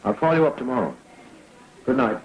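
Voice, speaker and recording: An actor playing an earnest young fiancé in the style of an early talkie film, on a muffled vintage soundtrack. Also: male voice, mid-range voice, big pitch swings, brisk, slight background noise, lightly acted. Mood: resigned. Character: earnest young fiancé standing his ground.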